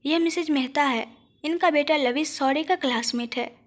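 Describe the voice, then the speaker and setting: A woman voicing a calm, measured school principal in an audio story. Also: high voice, lightly acted.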